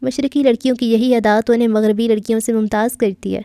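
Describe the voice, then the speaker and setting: A woman reading the lines of a lively, loud, chatty young man in an audiobook, keeping near her own voice. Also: a little high, dry recording, natural voice. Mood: playful. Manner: playful, chatty.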